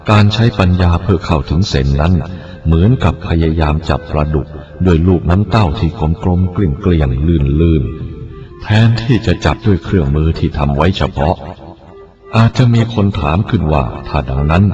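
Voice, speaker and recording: Male monk, very low voice, measured Buddhist reading, faint music under a muffled recording. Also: dark tone. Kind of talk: reading a written Buddhist teaching aloud.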